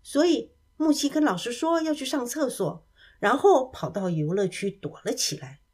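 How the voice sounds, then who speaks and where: A woman reads a children's story aloud in a soft, gentle manner. Her voice sits a little high and rises and falls with a very lively, expressive melody. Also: moderate pace, husky.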